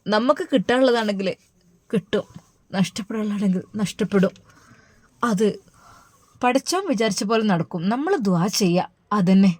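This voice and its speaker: A woman's voice: fairly high pitch, fairly even intonation, normal speed, darkish tone, close to an everyday voice. A woman voicing a worried, loving middle-aged mother who talks tenderly. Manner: anxious, pleading and tender.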